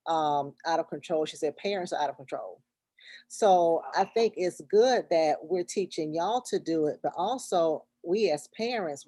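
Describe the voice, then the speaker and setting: Low-voiced woman hosting. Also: mellow, no echo. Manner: instructive, repeats directions. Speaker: host of a virtual children's class. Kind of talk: informal moderating on a video call. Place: video call.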